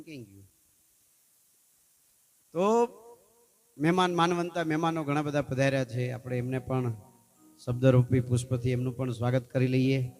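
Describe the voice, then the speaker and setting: A man's voice: mid-range voice, a little mellow. A man, a folk storyteller at a festival gathering who keeps asking his audience "hey?" as he talks. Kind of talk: folk storytelling with sung verses.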